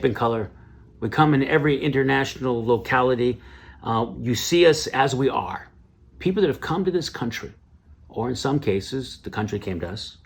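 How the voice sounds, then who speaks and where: A man's voice: lowish voice, slightly rough. A middle-aged man hosting an awards ceremony in standup comedy style, punchy and storytelling.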